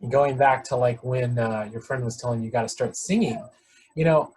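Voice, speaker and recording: Husky-voiced male interview host. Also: mid-range voice, brisk, darkish tone, low-quality recording. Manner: upbeat and encouraging, many "you know" fillers. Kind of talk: casual interview chat.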